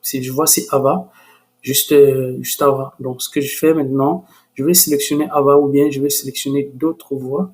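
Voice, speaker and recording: A man hosting a screen-recorded software tutorial, hesitant and full of restarts, growing enthusiastic. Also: mid-range voice, little pitch movement, moderate pace. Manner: hesitant, many restarts and fillers.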